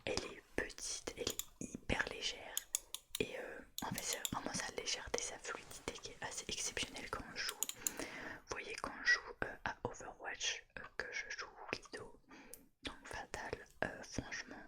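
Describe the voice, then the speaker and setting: A woman softly whispering right in your ear in a casual ASMR show-and-tell, with a gushing, enthusiastic manner. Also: moderate pace. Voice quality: soft, unvoiced whisper. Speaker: ASMR YouTuber.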